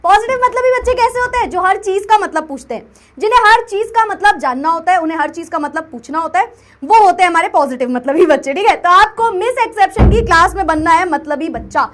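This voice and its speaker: A woman's voice: very high-pitched, animated, brisk, a bit bright, a little hiss or hum. A young woman teaching a live online chemistry class, chatty, repeating herself and checking the chat often.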